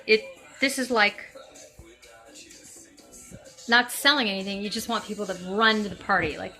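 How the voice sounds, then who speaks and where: A woman's voice: fairly high pitch, sharp tone. A woman rambling through a comedic tutorial, acting out mock-dramatic examples. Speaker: comic character giving a tutorial. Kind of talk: improvised comedic monologue.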